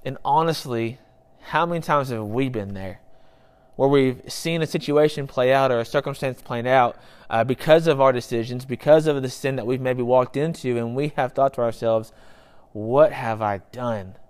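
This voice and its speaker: A man's voice: medium pitch, moderate pace, clean tone. A young man preaching a sermon in an earnest, conversational way, repeating phrases for emphasis. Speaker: pastor.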